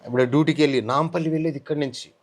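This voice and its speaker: As a testimony guest in an interview, a man tells his personal story earnestly and acts out the quoted lines of the people in it. His voice is on the high side with a steady tone, and he speaks very fast.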